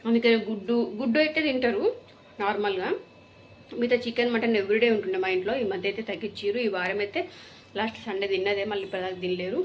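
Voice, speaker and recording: A woman's voice: mid-range voice, steady tone, highs cut off, a little hiss or hum. A woman, a mother chatting to a phone camera in her home kitchen. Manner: brisk, chatty, talks to the camera while cooking. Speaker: vlogger and mother. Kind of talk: casual daily vlog chat.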